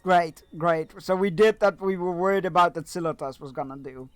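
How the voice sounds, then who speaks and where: A man's voice: high-pitched, steady tone, normal speed, no echo, faint music behind. A man streaming a fantasy game, chatting sarcastically, swearing, laughing and reading quest text aloud. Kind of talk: casual live-stream commentary.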